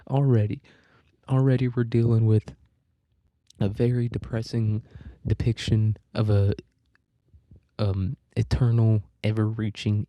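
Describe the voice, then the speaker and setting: A man with a dark, mellow, fairly low voice reads a story aloud and keeps stopping for crude, irreverent jokes. The sound is dry and close, with no room echo. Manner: irreverent, swearing, laughing asides. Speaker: podcast host. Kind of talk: reading a story aloud with casual commentary.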